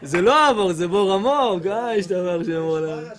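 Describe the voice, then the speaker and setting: A man giving a humorous sermon as a rabbi, telling stories animatedly and acting out other people's voices. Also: sits high. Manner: animated comic storytelling, acts out women's voices.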